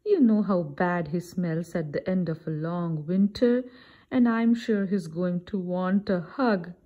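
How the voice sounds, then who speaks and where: A woman's voice: fairly low pitch, measured pace, narrow, tinny audio. A woman voicing a grumbling, reluctant male rabbit in a children's storybook, with a complaining manner.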